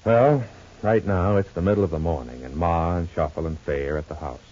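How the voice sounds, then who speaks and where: A man's voice: low-pitched, a little fast. A man announcing on an old radio show, selling a product and introducing the serial with eager, salesman-like delivery. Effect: old radio broadcast sound. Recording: muffled old radio transcription with music.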